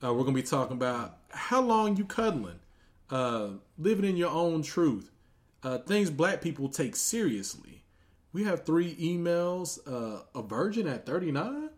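A man's voice: fairly high pitch, very animated, a little slow. A man hosting a casual comedy podcast, talking in a loose, easygoing way with lots of fillers. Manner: laid-back, loose, with frequent "uh" fillers. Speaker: podcast host.

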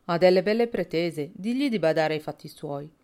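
A woman's voice: lowish voice, expressive, moderate pace, darkish tone, clear, resonant tone, lightly acted. A woman voicing a brusque, impatient man. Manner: brusque and dismissive. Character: brother-in-law, impatient, easily alarmed man.

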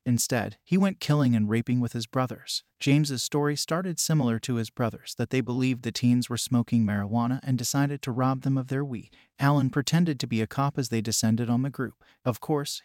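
A man reads scripted true crime narration in a measured, matter-of-fact way. His voice sits at a middling pitch. The sound is dry, with no room around it. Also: a little mellow, no room sound.

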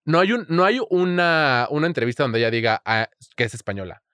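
A man with a Mexican accent co-hosting a casual gossip chat, animated and emphatic, laughing as he tells the story. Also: a little high, fairly quick, clear, resonant tone, no room sound, clean studio sound. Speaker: co-host.

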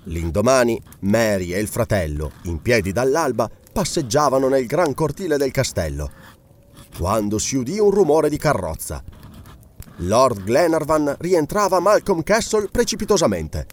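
A man narrating a classic novel as an audiobook, with expressive storytelling. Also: medium pitch, moderate pace.

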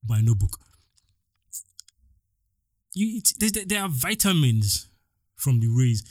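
A man's voice: medium pitch, unhurried, dry recording, clean studio sound. Ranting young Nigerian man podcasting. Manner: animated, exasperated, talks straight to listeners. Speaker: podcast host. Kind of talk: solo podcast rant.

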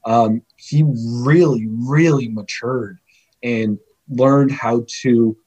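Man, podcast guest; husky, middle pitch, animated and chatty. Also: extremely slow, muffled recording. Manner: animated, laughs often, chatty. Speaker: scouting guest. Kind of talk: podcast interview.

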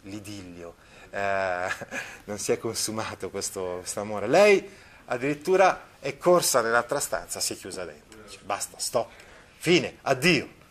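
A man's voice: on the low side, lively intonation. Italian man reading and explaining a novel. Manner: pauses to comment, with fillers and repeats. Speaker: literature teacher.

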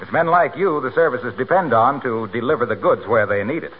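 A man's voice: medium pitch, animated, fairly quick, slightly rough. An actor playing a genial, breezy announcer friend with a hearty salesman's manner in 1940s radio comedy. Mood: earnest, persuasive. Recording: noisy tinny 1940s radio broadcast.

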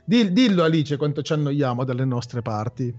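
A man's voice: mid-range voice, expressive, normal speed, a little mellow. A man hosting a casual interview chat in a joking, rambling, digressive way. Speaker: host. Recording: slightly dull audio with music behind. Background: music.

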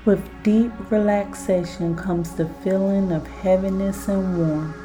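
A woman guiding a self-hypnosis relaxation in a soothing, deliberate manner, like a sleep story narrator. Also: medium pitch, fairly even intonation, mellow, soft background music. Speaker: podcast host and relaxation guide.

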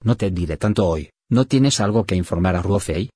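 A man reading the part of a stern, cool-tempered father in an audiobook, speaking calmly and curtly. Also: low voice, moderate pace, breathy edge, no echo, studio quality. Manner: calm, curt and cool. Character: stern, cold older father, middle-aged man.

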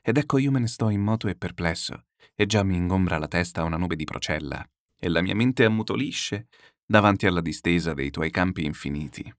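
A man reading a literary text aloud, declamatory and lyrical, with slow solemn pauses. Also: low voice, expressive, no room sound, studio quality. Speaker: reader.

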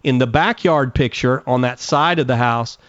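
A man's voice: medium pitch, normal speed, fairly bright tone, no room sound, dull audio. A man hosting a radio gardening call-in show, giving direct, folksy advice. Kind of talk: radio call-in talk and live ad read.

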